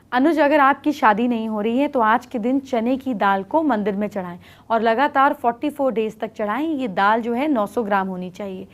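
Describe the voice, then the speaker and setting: A middle-aged woman hosting an astrology show, briskly giving horoscope remedies and speaking straight to viewers. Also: on the high side. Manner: brisk, instructive, addresses viewers directly.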